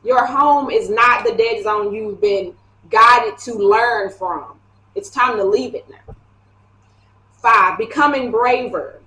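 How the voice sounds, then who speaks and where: A woman giving a casual tarot reading to camera, chatty and animated, laughing often as she talks. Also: mid-range voice. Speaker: tarot reader. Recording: echoey room.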